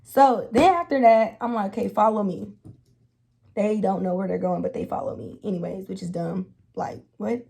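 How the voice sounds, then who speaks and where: A woman's voice: mid-range voice, moderate pace, vocal fry, breathy edge. A young woman telling a personal story in a casual, slangy, dramatic way as a vlogger. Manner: animated, slangy, dramatic retelling.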